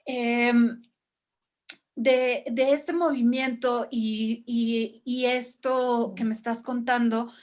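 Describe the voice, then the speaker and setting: A woman hosts an interview over a video call. Her voice sits fairly high, and she asks her questions slowly, pausing on fillers as she searches for words. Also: level tone, darkish tone. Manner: slow, hesitant questions with fillers. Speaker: host. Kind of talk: casual online interview.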